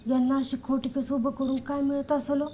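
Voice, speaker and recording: Actress doing a nervous woman mumbling her story to herself, kinda high voice, film drama. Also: completely flat delivery, fairly quick, a little mellow, a little hiss or hum, close to an everyday voice. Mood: worried. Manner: hesitant, rehearses phrases under her breath. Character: anxious woman pressed into false testimony. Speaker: reluctant witness.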